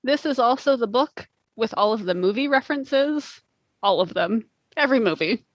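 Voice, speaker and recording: A woman's voice: a little high, animated, normal speed, no room sound, rough recording. A woman co-hosting a book podcast, chatting casually in a wry, informal way. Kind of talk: casual chat.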